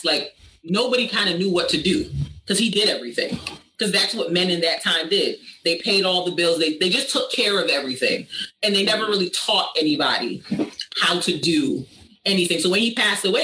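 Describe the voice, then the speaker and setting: A woman from Barbados, a podcast guest, talking in a relaxed, thoughtful way with many fillers. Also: low voice. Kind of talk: casual reflective chat. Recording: echoey room, faint background noise.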